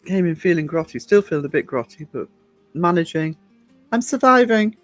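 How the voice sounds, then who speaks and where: A woman's voice: fairly low pitch, animated, moderate pace, no echo, faint music behind. A woman in her fifties chatting casually with viewers on a livestream, rambling and chuckling often. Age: 50s. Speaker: livestream host.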